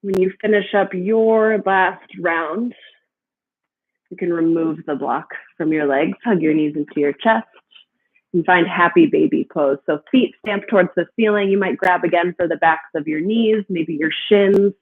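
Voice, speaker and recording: A woman's voice: fairly low pitch, measured pace. Soothing woman yoga teacher, slightly muffled sound. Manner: soothing, encouraging instruction. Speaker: yoga instructor. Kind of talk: guided gentle yoga class.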